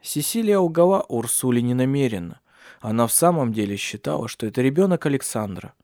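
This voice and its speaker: A man narrating an audiobook in a measured, even storytelling manner. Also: medium pitch, no echo, studio quality. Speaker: audiobook reader. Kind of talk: scripted narration.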